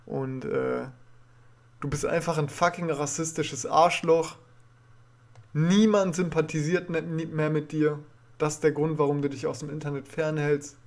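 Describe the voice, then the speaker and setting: Indignant young man, fairly high voice. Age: young adult. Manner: indignant, confrontational, swearing. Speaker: reaction video host. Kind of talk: reaction commentary, addressing a rival. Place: small room at home.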